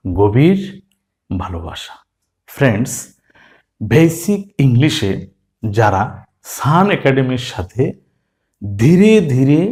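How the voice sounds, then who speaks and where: A man teaching beginners an English reading lesson in Bengali. He spells out syllables slowly, letter by letter, and asks the students questions before answering them himself. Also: mid-range voice, darkish tone. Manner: opens with a formal Islamic greeting.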